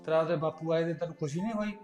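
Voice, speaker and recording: A man acting out a cheerful, accommodating young husband with a slightly high voice. He speaks in a friendly, obliging way in a short family film, with faint music underneath. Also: very fast, darkish tone, lightly acted.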